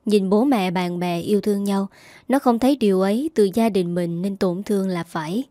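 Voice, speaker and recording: A woman reading a story aloud in an even storytelling manner. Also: mid-range voice, moderate pace, dry recording, clean studio sound. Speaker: narrator. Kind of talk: scripted story narration.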